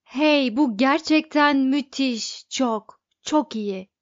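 A woman putting on a brash, excitable alien captain. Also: on the high side, a little slow, no echo, muffled recording. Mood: excited. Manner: boisterous, childishly excited.

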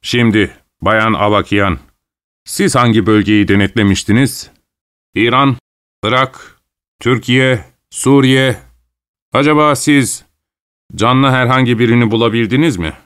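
A man voicing a big burly man in overalls who calls a roll in a loud, commanding, businesslike way. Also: mid-range voice, a little slow, smooth, voice pushed up, lightly acted.

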